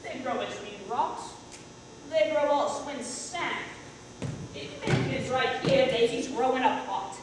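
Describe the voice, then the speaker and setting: A woman playing a flustered school principal in a stage play, speaking in brisk, declamatory rhymes. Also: high voice, background noise. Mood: puzzled. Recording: echoey hall from far off.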